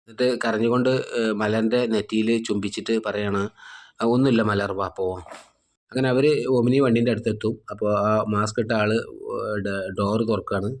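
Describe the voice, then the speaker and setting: Lower-voiced man casually recapping a serial. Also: fairly quick. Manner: relaxed storytelling, retelling each character's lines in his own plain voice. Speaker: narrator recapping a TV serial episode. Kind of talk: casual spoken plot recap.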